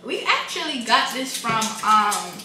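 A young woman with a fairly high voice chats in a relaxed, slangy way as she co-hosts a food vlog. She sits back from the mic in an echoey room. There is a steady noise behind her. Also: unhurried, recorded from a distance. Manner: laid-back, slangy, draws out words. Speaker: vlog co-host. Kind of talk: casual chat.

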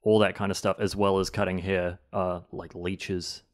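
A young man, a barber guest, chatting enthusiastically in a podcast interview in a small home studio on a boom mic. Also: little pitch movement, moderate pace. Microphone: studio boom mic with headphones.

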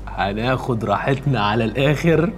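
An actor playing a smooth, coaxing Egyptian teacher. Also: male voice, low-pitched, racing, music in the background, close to an everyday voice. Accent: Egyptian Arabic. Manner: coaxing, soft and persuasive. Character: male teacher, smooth and flirtatious.

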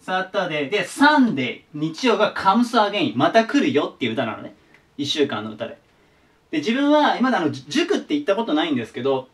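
A man giving a casual whiteboard lesson as an online tutor, chatty and sharing his own memory tricks. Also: high-pitched. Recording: voice a bit distant from the mic.

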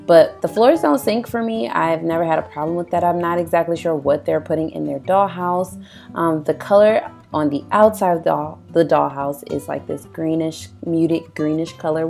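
A young woman with a tired, raspy voice, chatting enthusiastically through a doll collection tour in a voice-over, with plenty of ums. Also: sits low. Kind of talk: casual show-and-tell narration. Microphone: voice-over, not recorded on camera. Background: soft guitar music.

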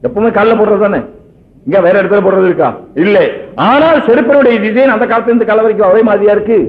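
Guy preaching a sermon, really high voice, tinny phone-like sound, asks the crowd lots of questions. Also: fast. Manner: conversational storytelling with rhetorical questions. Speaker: Islamic preacher. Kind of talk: Tamil Islamic sermon. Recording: echoey, phone-like lo-fi sermon recording.

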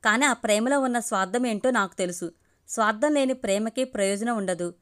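A woman's voice: fairly high pitch, fairly quick, a bit bright, lightly acted. A woman voicing a defiant young wife who argues bitterly about love, in a read-aloud story. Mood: heated.

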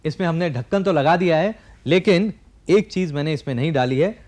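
A man in his forties with a fairly high voice walks viewers through a recipe on a studio kitchen set. He explains each step patiently and speaks straight to the audience. His voice is picked up close by a clip-on mic. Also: a little fast, a little mellow. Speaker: TV cooking show host. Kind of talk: cooking demonstration.

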